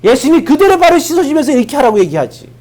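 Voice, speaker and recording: A pastor preaching a Sunday sermon in a church, firing rhetorical questions at the congregation and dropping from loud emphasis to hushed asides. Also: high voice, big pitch swings, racing. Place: church sanctuary.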